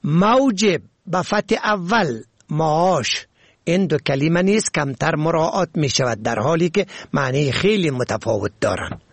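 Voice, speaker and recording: A man presenting a radio language lesson, reading slowly and carefully and spelling words out letter by letter. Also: fairly high pitch, animated, breathy edge, no echo.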